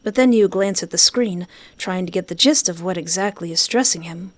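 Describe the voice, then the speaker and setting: With music playing in the background of a dry recording, a woman reads a visual novel aloud with expression while tossing in her own casual reactions as she plays. Her voice is on the low side and she speaks at a normal speed.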